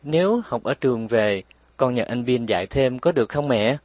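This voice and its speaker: A man's voice: expressive, normal speed, a little mellow, dry recording, lightly acted. A man voicing a playful, stubborn little girl who bites her playmates, speaking cheekily in a raised voice. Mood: pleading. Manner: pleading, cheeky, raised pitch.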